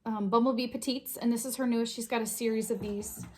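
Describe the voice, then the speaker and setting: A woman with a slightly high voice co-hosts a casual chat. She giggles often and pokes fun at herself. She cheers on the other host's work. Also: steady tone, fast, a little mellow, a little hiss or hum. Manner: giggly, self-deprecating, supportive. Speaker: co-host.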